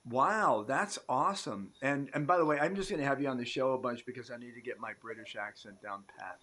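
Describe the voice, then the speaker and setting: American male host, mid pitch, loose rambling live-stream chatter. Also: brisk. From United States. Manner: rambling, loud swings in volume, many fillers. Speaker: show host. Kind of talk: casual live-stream interview chat.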